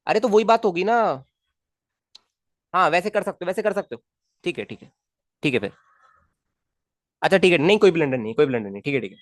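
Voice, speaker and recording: Lively coaxing male physics teacher. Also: high voice, fairly quick, long pauses, no echo, studio quality. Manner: coaxing, repetitive, checks in with students often. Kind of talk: live online class.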